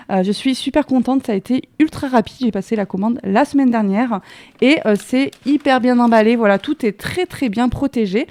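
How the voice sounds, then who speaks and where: A woman with a French accent hosts a casual crafting haul vlog. Her voice sits a little high but sounds soft and mellow. She chats along easily, often pausing on small fillers and restarting her sentences. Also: gravelly. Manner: chatty, many fillers and restarts. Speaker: crafting channel host.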